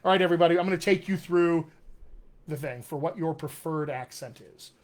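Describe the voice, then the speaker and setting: Speaking a little fast in a slightly high voice, a dialect coach from Colorado hosts a casual live Q&A with an upbeat, teacherly tone. Hints of West Texas and upstate New York color his General American accent.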